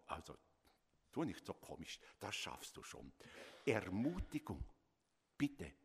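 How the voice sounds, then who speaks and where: An older man preaches from the pulpit in a fairly low voice. He speaks earnestly and with animation, slipping into the voices of the people he quotes. A long church reverb trails every phrase. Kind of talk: sermon.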